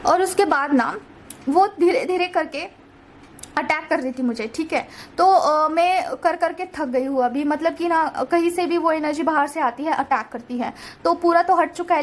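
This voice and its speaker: A young woman giving a casual, reassuring tarot card reading, mixing English words into her Hindi. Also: sits high. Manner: gentle, reassuring, keeps saying "theek hai".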